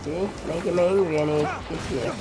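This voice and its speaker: A casual game streamer with a medium-pitched voice talks through gameplay. The delivery is informal and rambling, with game music clearly behind it. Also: normal speed. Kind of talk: casual gameplay commentary and chat.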